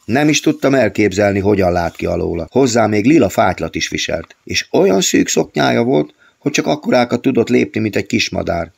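A man reads his own novel aloud as an audiobook. His voice sits very low and carries a gravelly fry. He tells the story at a steady, even pace. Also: hardly any pauses. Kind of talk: audiobook narration.

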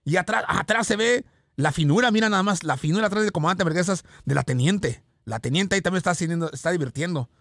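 A man playing a raspy high-voiced boastful Spartan god. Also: fast, fairly bright tone, no room sound, studio quality. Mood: mocking. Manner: theatrical, teasing, exclaiming. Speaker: radio show host character. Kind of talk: mocking video reaction commentary. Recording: noisy background hiss.

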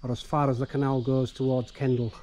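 A man's voice: mid-range voice, little pitch movement, a little fast, mellow. A middle-aged man narrating a bikepacking trip casually, outdoors on a canal towpath, with many fillers. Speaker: bikepacking vlogger. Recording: faint outdoor background noise.

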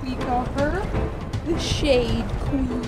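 A woman's voice: sits high, extremely slow. A young woman vlogging from a sailboat, chatting casually and asking curious questions. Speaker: sailing vlogger. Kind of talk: casual vlog chat. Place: outdoors on a boat and in the sea. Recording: loud music under the voice.

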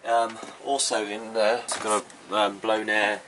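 A man in his thirties, the boat's owner, gives a tour of his cramped sailboat cabin, describing the gear in a casual, no-nonsense manner. His pitch is fairly low with little movement, and he keeps a measured pace. Faint background noise and a slightly distant mic mark the indoor recording.

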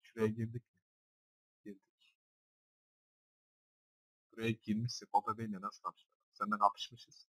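A young man casually commenting on his own gameplay, swearing constantly and jumping between low mutters and loud shouts. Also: completely flat delivery, normal speed, pauses often, low-quality recording.

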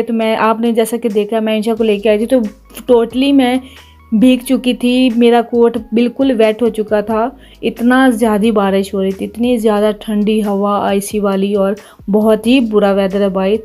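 A woman's voice: fairly high pitch, dark tone. A woman in her thirties chatting casually as a home vlogger, laughing often as she talks. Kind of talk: casual vlog narration.

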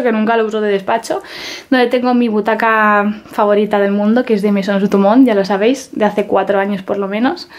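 A young woman chatting casually as she walks through her flat on a handheld phone, laughing often. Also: fairly high pitch. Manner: chatty, laughs often, lists items offhandedly. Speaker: beauty vlogger giving a home tour. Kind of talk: casual home tour walkthrough. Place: small apartment, indoors. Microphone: handheld phone camera.

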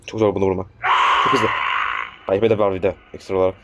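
Low flat-voiced man commenting gameplay. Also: fast, heavy background noise. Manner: talks to the game, urging and scolding. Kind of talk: casual let's-play commentary.

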